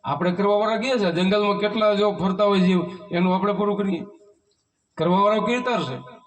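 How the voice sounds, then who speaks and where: A man's voice: high-pitched, a little fast. A man, a spiritual teacher giving a devotional sermon at a devotee's village home, asking rhetorical questions and reciting hymn verses. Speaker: spiritual teacher leading a satsang. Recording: voice from far off the mic.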